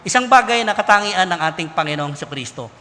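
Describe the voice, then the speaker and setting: Filipino pastor guy preaching, chatty and animated, bright voice, long echo in the hall. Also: high voice, fast. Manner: mixes English into preaching, animated and conversational. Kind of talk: sermon.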